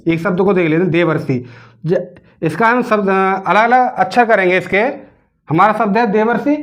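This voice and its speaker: A man with a high, somewhat bright voice teaches a grammar lesson. He poses questions and answers them himself, repeating words slowly as he spells them out.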